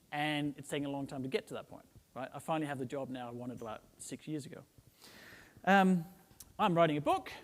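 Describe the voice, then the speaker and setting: Middle-aged man from Denmark, slightly high voice, chatty jokey conference speaker, long hall reverb. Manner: chatty and joking, with frequent "right?" tags and "um" fillers. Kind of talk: casual conference talk.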